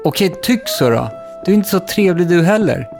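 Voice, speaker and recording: A man voicing a quick-tempered grown father who scolds loudly and sharply in a storybook reading. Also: high voice, lively intonation, creaky, over music, pitched above the performer's own voice. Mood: sulky.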